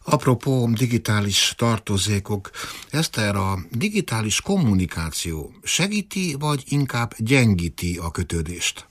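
A man interviewing a guest, asking calm, direct questions. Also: fairly low pitch.

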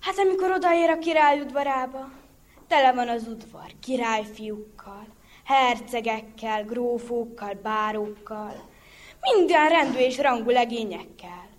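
Woman telling a folk tale. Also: on the high side. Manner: lively, rhythmic storytelling. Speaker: storyteller.

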